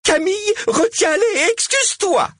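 Storybook woman in desperate tears-edge pleading, high and loud; male narrator voicing her. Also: animated, unhurried, no room sound, clean studio sound, exaggerated voice. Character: anguished woman pleading with the mayor.

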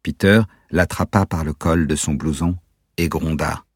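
A man reads a novel aloud in a measured storytelling manner. His voice is very low and husky. The recording is close and dry. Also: no echo. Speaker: audiobook narrator. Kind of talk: scripted narration.

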